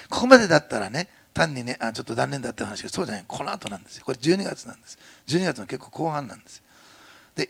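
A man's voice: on the high side, creaky, a bit bright, slightly rough. A male pastor from Osaka preaching a sermon, telling a family story and appealing earnestly to the congregation.

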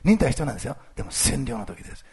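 A man speaking as a pastor, giving a casual, lively sermon with church announcements and plenty of fillers. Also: medium pitch, very fast. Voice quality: gravelly, husky voice. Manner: lively, animated delivery with many fillers.

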